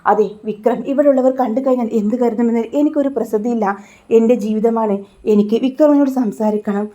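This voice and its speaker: A woman with a somewhat high, mellow voice retells a serial episode in a relaxed, chatty way. She reads the characters' lines in her own plain voice and drops in little tag words as she goes. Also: fairly quick. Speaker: serial recap narrator. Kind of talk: casual spoken story recap.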